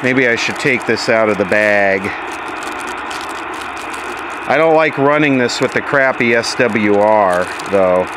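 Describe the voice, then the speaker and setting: An American vlogger with a fairly low voice tests a vintage CB radio at an outdoor table. He chats casually in a plainspoken, wry style, taking it slowly and pausing often. There is faint background noise.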